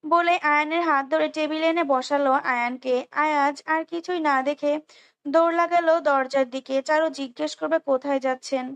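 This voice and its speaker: High-voiced woman reading a story aloud. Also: fairly even intonation, moderate pace, a bit bright, muffled recording. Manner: unrehearsed reading with restarts and asides. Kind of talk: reading a romance novel aloud.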